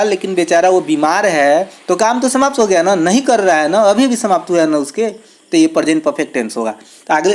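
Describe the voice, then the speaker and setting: A man's voice: sits high, darkish tone. Patient male teacher explaining grammar. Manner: explains step by step, often addressing viewers as friends; reads English sentences slowly, then explains in Hindi. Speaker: English teacher. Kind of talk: exam-prep grammar lesson.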